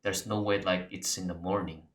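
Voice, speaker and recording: A man's voice: low-pitched, flat delivery, normal speed. A young man with an Indonesian accent, an Indonesian native speaker, chatting playfully on a video call and bantering and laughing as he argues a point. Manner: playful, argumentative, laughs often. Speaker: language-learning video host. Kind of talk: casual video chat.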